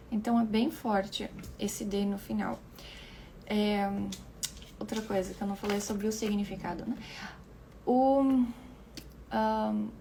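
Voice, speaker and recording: Slow, patient woman teacher. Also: medium pitch, dark tone, slight background noise. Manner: patient explaining, repeats words slowly for pronunciation; checks in with listeners often. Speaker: English teacher. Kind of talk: online language lesson.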